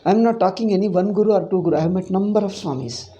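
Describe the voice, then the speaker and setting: Older south indian accent guy, high soft-toned voice, informal teaching, keeps repeating stuff to make his point. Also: rapid-fire. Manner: emphatic, repeats phrases. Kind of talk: informal spoken discourse. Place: small indoor room. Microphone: clip-on lapel mic.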